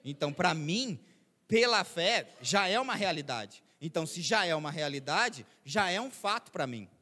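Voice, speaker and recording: A man preaches to his congregation, his voice sitting high. He keeps the sermon conversational, throwing out rhetorical questions. The sound carries a long reverb from the church hall. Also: sing-song, normal speed, sharp tone. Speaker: pastor.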